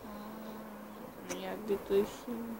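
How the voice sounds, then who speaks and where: A woman's voice: mid-range voice, little pitch movement, very slow, creaky, noisy background. A woman being coy and playfully stubborn with her partner in a home video. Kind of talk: playful couple chat.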